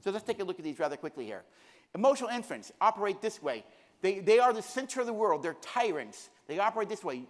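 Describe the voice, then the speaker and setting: A man's voice: high-pitched, very animated, fast. A middle-aged man presenting at a conference, speaking earnestly and repeating phrases for emphasis. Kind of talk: conference lecture. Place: conference hall. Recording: long hall reverb.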